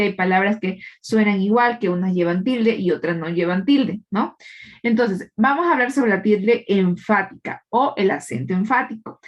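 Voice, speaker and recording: A woman's voice: medium pitch, lo-fi sound. A woman teacher giving a live class, explaining patiently and quizzing her students, with frequent tag questions. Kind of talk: live online class lecture.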